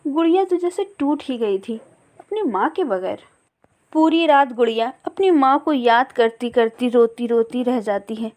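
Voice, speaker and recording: Storyteller woman with a high voice, expressive children's story narration. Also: measured pace.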